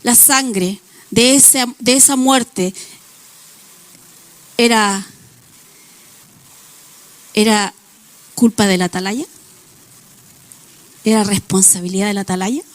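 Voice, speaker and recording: A woman's voice: mid-range voice, takes it slowly, long pauses, dry recording. A woman pastor preaching a sermon, illustrating points with everyday examples and acted-out quotes.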